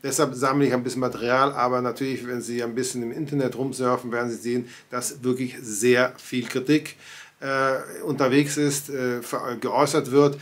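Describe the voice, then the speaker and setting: A man in his sixties, a native Spanish speaker who comments on church affairs, talks to camera from his home study lined with bookshelves and pictures. His mid-range voice keeps a level tone at normal speed, and his conversational delivery has frequent fillers and restarts.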